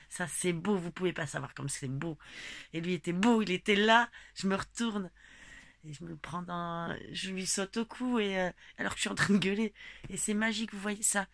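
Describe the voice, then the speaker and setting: A gilet jaune protester, a woman with a lowish, gravelly voice, gives a casual personal account of a march. She addresses listeners directly in a loose, rambling, animated and emphatic way, swearing often, with no echo.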